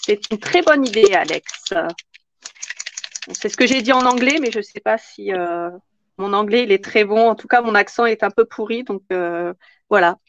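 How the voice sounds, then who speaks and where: A woman's voice: mid-range voice, normal speed, no echo, dull audio. A woman hosting a live craft tutorial in casual chat, answering viewer comments as she works.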